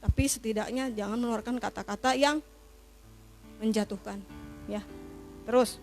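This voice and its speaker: A woman giving a youth church sermon in a chatty, slangy, animated way, telling stories and acting out what people said. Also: a little high, moderate pace, soft background music. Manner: chatty and animated, slangy, acts out quoted talk. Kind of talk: casual sermon with told stories.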